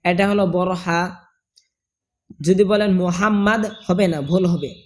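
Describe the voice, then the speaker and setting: A man teaching correct recitation, explaining pronunciation rules and chanting each phrase in long drawn-out tones. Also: high-pitched, steady tone, a little mellow. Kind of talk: slow pronunciation lesson with chanted examples.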